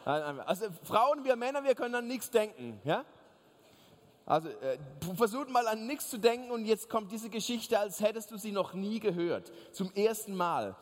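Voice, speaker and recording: A man preaching a sermon, telling a story in an animated way and speaking straight to his listeners with jokes. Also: high-pitched, moderate pace. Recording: long reverb of a large hall.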